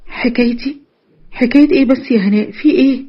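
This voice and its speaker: A woman's voice: a little high, fast talker, slightly rough, lo-fi sound. Woman voicing a troubled Egyptian young woman. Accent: Egyptian Arabic. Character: young woman, troubled elder sister with a secret.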